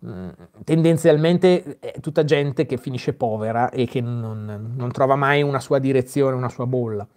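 A man's voice: medium pitch, moderate pace, a little mellow. A man hosting a live Q&A, reading viewer comments aloud and answering them in a casual, chatty way with frequent fillers and restarts. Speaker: host answering viewer questions.

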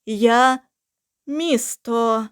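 A woman voicing a male captain who has been taken over by an ancient vengeful city, speaking slowly and solemnly in an audiobook. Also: on the high side, clear, resonant tone.

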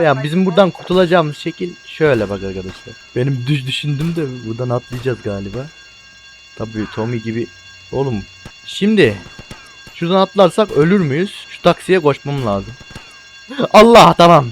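A man giving casual, excitable gameplay commentary as a let's play gamer, swearing and talking to his viewers as friends. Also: a little high.

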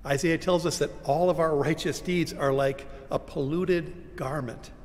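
An older man preaching a sermon from a pulpit, dramatic, moving from loud cries to hushed whispers. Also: a little high, steady tone, unhurried. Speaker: pastor. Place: large church sanctuary, standing at a pulpit. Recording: long church reverb, faint room hum.

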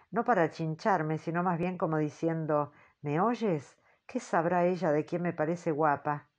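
Low-voiced woman narrating an audiobook. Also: darkish tone, highs cut off. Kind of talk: scripted first-person narration.

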